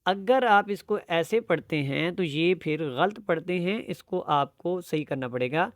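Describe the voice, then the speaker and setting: A man teaching Quran tajweed. He explains each rule quickly, then recites the verse slowly and drawn out. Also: fairly high pitch, lively intonation, no echo, clean studio sound.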